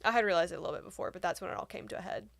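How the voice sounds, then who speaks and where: A woman's voice: lowish voice, racing, creaky, fairly bright tone, no room sound. Young woman co-hosting a chill podcast, playful and laughy, dry close sound. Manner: chatty, playful, laughs often. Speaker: podcast co-host. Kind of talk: casual chat.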